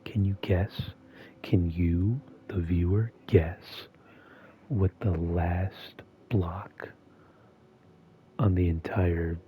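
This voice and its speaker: A man hosting a video in a soft-spoken, half-monotone voice that is often whispered and slightly strained. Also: deep voice, very slow, pauses often, dull audio. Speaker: video host. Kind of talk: soft-spoken ASMR-style commentary.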